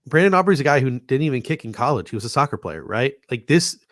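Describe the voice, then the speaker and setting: A man co-hosting a football pregame show, talking in an animated way and getting heated about the game. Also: mid-range voice, fast talker, no echo, clean studio sound. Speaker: podcast co-host. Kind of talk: sports pregame talk show.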